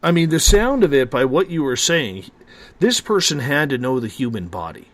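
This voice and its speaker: A man's voice: mid-range voice, sing-song, normal speed, fairly bright tone. A man hosting a casual interview, speaking in an informal, effusive way. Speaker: show host.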